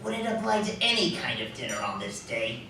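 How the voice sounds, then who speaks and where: A man's voice: mid-range voice, very animated, brisk, bright, forceful tone. Man playing humbled Ebenezer Scrooge, very echoey. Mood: curious. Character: humbled, timid old miser Ebenezer Scrooge. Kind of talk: live radio drama acting. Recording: echoey hall, distant mic, background noise.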